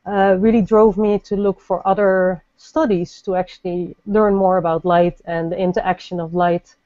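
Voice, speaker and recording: Dutch-born woman guest, mellow and dry, reflective with lots of fillers, dull lo-fi audio. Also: lowish voice, level tone, no room sound. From Netherlands. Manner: thoughtful, many pauses and fillers. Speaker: guest lighting designer. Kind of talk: podcast interview.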